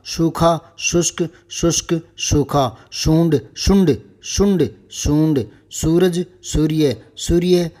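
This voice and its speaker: A man with a fairly high voice teaches a Hindi vocabulary class at an unhurried pace. He recites word pairs in a slow, rhythmic drill. The sound bounces around an echoey room. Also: a little mellow.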